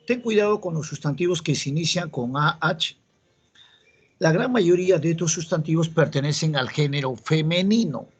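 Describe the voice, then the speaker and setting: A man's voice: on the high side, lively intonation, normal speed, slightly rough, dull audio. A man with a Peruvian Spanish accent teaching a grammar lesson for an entrance exam, repeating the rules and quizzing his students. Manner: explains patiently, repeats key rules, asks the class questions.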